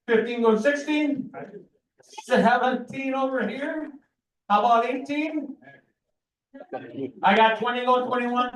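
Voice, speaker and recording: A man's voice: very high voice, a little hiss or hum. An American man working as an auctioneer, calling bids in a rhythmic, repetitive chant of numbers. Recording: echoey room, distant microphone.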